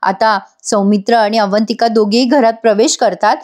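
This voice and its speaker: A woman's voice: on the high side, fairly even intonation, normal speed, darkish tone. A woman hosting a voice-over review who recaps a TV serial episode and talks straight to her viewers. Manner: chatty, addresses viewers directly.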